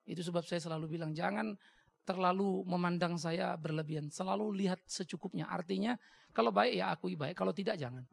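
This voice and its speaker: A blunt male pastor answering a question from the congregation in an animated sermon, jumping high when he quotes others. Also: brisk, creaky, slightly rough.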